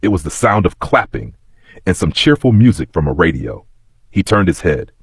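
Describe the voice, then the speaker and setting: Deep, husky male storyteller. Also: no room sound, clean studio sound. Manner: measured, expressive storytelling. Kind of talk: scripted story narration.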